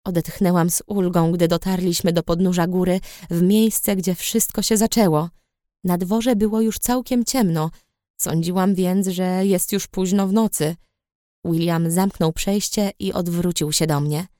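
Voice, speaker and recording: A woman reading a novel aloud in the first person with steady storytelling. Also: on the low side, unhurried, dry recording, studio quality. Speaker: audiobook narrator. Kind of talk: first-person audiobook narration.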